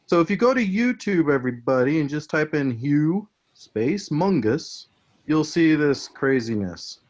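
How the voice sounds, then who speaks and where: A man's voice: a little high, very animated, measured pace, darkish tone, dull audio. A man co-hosting a casual podcast, speaking in an easygoing way with some hesitation. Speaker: podcast co-host. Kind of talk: casual conversation.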